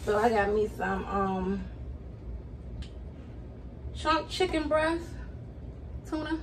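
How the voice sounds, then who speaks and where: In a casual grocery haul vlog, a young mom talks chattily to y'all while unpacking bags indoors in her kitchen, feeling hot and sweaty. Her mid-range voice is expressive and slow, recorded from a camera sitting at a distance on the counter amid room noise.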